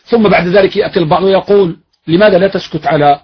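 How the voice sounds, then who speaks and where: A man's voice: high voice, very fast, slightly rough. A man preaching a fiery religious lecture, emphatic, repeating his phrases and asking rhetorical questions. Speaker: sheikh, preacher. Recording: dull lo-fi recording.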